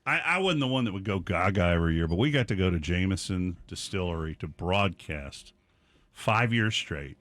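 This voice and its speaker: A man hosting a radio morning show, chatting casually and telling rambling, animated stories in the studio. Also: deep voice, normal speed, no room sound.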